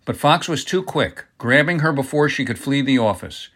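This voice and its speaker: Guy narrating an audiobook, steady even read, mid pitched voice. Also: normal speed.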